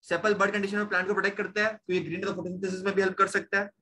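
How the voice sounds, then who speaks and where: A man's voice: sits high, level tone, quick pace, pushed and bright. A young man teaching a science class, repeating questions to his students and mixing in English terms. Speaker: science tutor. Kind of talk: online class lecture.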